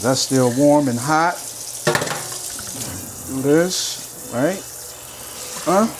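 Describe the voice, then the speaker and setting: A man casually talking through cooking his dinner in a home kitchen, laid-back and chatty with drawn-out emphatic phrases. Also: a little high, background noise. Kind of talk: casual cooking vlog chat. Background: frying and stirring sounds.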